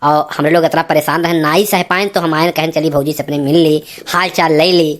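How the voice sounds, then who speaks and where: A woman voices a courteous young village man in a cartoon, speaking in a fairly low voice. He talks chattily and politely. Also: steady tone, a little fast, close to an everyday voice. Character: polite young man visiting his sister-in-law. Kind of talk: cartoon voice acting.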